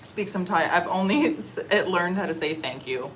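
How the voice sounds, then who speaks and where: Relaxed young Canadian woman livestreaming. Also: lowish voice, moderate pace, slight background noise, low-quality recording. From Canada (Ontario). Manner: relaxed, chatty, eating on stream with murmurs of enjoyment. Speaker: livestream vlogger. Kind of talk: casual livestream chat reading comments. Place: outdoors or open space in a warm country.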